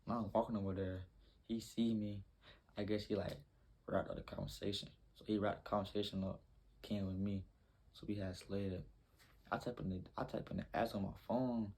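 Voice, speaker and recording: Laid-back young man with a husky low voice. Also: fairly even intonation, normal speed, darkish tone. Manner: slangy, rambling, laid-back storytelling. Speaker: vlogger telling a story. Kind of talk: casual storytime.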